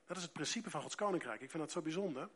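A man from the preaching a sermon, reading scripture aloud and stressing key words by slowing down and rising in loudness. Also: a little high, lively intonation, slightly rough. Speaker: pastor.

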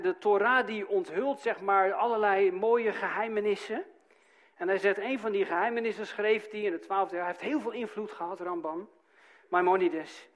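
A man in middle age delivers a sermon in a lively, conversational way. He asks his listeners questions and makes asides, and his speaking voice sits fairly high for a man. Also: dull audio. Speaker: pastor.

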